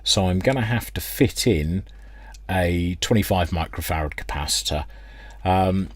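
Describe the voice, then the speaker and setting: At an indoor workbench, recorded close and dry, a British man talks through his radio restoration work for a video. His voice is low with a breathy edge, and he hesitates as he thinks aloud, clearly unscripted.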